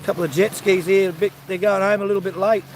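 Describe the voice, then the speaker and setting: A man's voice: high voice, steady tone, fast talker, slight background noise, poor audio. An Australian man chatting easygoing to viewers on a live stream, greeting them by name. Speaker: livestream host. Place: outdoors by the sea.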